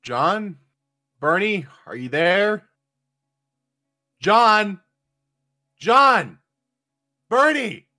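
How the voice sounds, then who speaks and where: A man's voice: fairly high pitch, very animated, a little fast, hardly any pauses, fairly bright tone, no room sound, studio quality, soft background music, pitched above the performer's own voice. A man voicing an anxious, protesting member of a gang on the run in an amateur script reading. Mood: urgent calling.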